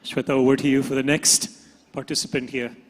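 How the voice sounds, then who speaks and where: A man's voice: medium pitch, little pitch movement, a little fast. A man with an Indian accent hosting a live pageant on stage. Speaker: pageant host. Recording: long hall reverb from stage PA.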